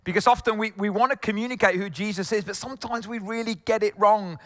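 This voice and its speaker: Middle-aged male pastor, chatty sermon style with fillers, high bright voice, long hall reverb. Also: fairly even intonation, quick pace. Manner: jokey, conversational preaching with frequent fillers. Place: church hall.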